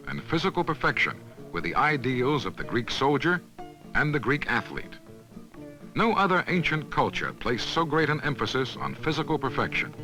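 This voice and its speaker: The narration sounds like a 1970s educational film: a man reading a documentary script in a measured, teaching manner. His mid-range voice has a sharp tone, and the audio quality is poor.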